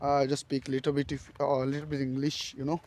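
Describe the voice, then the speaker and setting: A man's voice: mid-range voice, monotone, a little fast, darkish tone. A young man with a Pakistani accent vlogging outdoors at his village farmhouse, speaking broken English full of filler sounds and laughing at himself. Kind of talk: casual vlog to camera.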